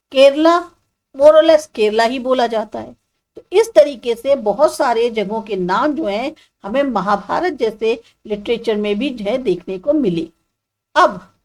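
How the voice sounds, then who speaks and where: A woman teacher explaining a social science textbook chapter step by step, asking students questions and mixing in English terms. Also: fairly high pitch.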